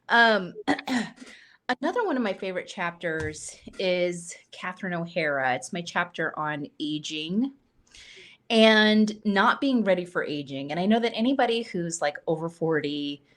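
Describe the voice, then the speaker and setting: Animated woman telling funny stories. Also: medium pitch. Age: 40s. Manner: lively comic storyteller acting out quoted voices. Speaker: humor writer. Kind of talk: animated storytelling.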